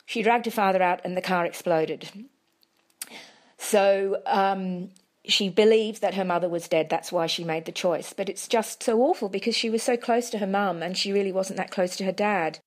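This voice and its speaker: A woman, a friend being interviewed, telling stories in a relaxed, conversational way. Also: medium pitch, moderate pace. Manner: conversational storytelling with fillers. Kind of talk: casual recollection.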